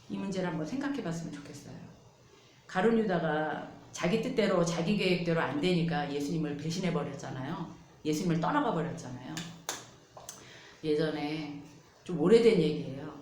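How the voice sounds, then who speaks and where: A woman's voice: fairly low pitch, darkish tone, a little hiss or hum. Woman pastor preaching in an echoey church. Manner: storytelling, acts out quoted prayers. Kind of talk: sermon. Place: church sanctuary.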